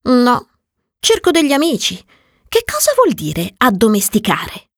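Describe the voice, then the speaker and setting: A woman's voice: a little high, huge pitch swings, measured pace, no room sound, studio quality, voice pushed up, exaggerated voice. A woman voicing a curious, earnest little boy prince in a storybook reading, asking eager, wondering questions.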